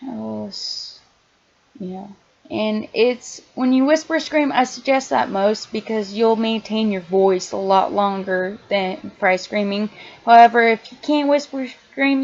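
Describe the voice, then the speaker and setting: A young woman casually explaining her screaming technique in a halting, quiet way, with many fillers and restarts. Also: fairly high pitch, vocal fry, muffled recording. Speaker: vlogger. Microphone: iPad held close.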